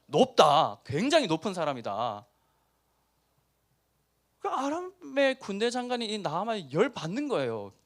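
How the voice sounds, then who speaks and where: A middle-aged pastor from Busan, speaking with a Busan dialect and preaching a lively youth sermon that acts out the story's characters. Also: male voice, high-pitched, normal speed, pauses often. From Busan, South Korea. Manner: animated storytelling, acting out characters.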